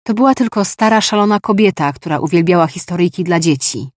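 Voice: mid-range voice, fairly quick, no room sound, studio quality, natural voice. A narrator voicing a frightened, defiant young woman who pleads in panicked outbursts in an audiobook. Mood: pleading, panicked. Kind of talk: audiobook dialogue.

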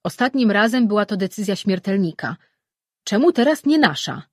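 A reader doing an eager male god who argues for action and pushes with pointed questions. The voice sounds husky and breathy. It is recorded dry. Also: medium pitch, sing-song, moderate pace, dry recording, voice pushed up. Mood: pressing.

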